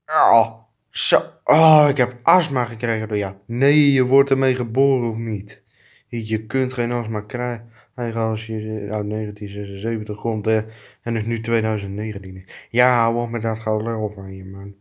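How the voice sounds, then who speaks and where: A man's voice: fairly low pitch, fairly even intonation, moderate pace, natural voice. A man improvising a comic fan dub of two clumsy adult male neighbors who bicker, trading crude insults and swearing. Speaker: fan dubber.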